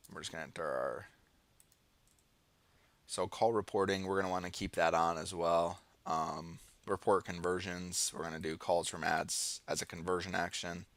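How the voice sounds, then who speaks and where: A low, fairly bright male voice with no room sound presents an online marketing tutorial. The man has an American accent and gives a casual, partly improvised screen-share walkthrough, thinking aloud through each step he demonstrates.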